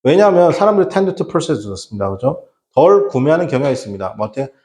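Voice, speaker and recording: A man's voice: on the high side, sing-song, quick pace, darkish tone, reverberant. A man teaching English exam prep in Korean, asking rhetorical questions and answering them himself, with casual slang asides. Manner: rhetorical questions, repeats "어떻게 한다?".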